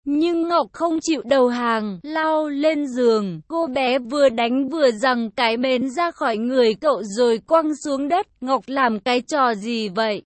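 Woman storyteller reading a story aloud; high, unhurried, dry close sound. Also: no room sound.

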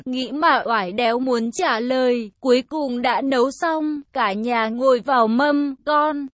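A woman reads an online love story aloud in a casual, slangy first-person style. Her voice sits high and she takes her time. The recording is close and dry, with no room sound. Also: a bit bright, no echo. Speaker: story reader.

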